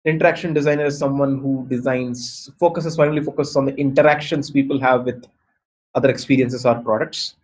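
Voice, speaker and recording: A man's voice: mid-range voice, fairly even intonation, fairly quick, rough recording. A man with an Indian accent giving an explanatory talk as a workshop mentor, emphatic and repetitive, often checking in with his listeners. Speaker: workshop speaker, design mentor. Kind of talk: explanatory talk answering questions.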